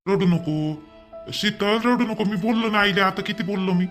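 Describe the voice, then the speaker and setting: A man's voice: high voice, moderate pace, a bit bright, soft background music. A man playing a pleading young husband. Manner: pleading, coaxing. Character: young husband soothing his wife. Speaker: actor in a family drama. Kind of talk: amateur family drama acting.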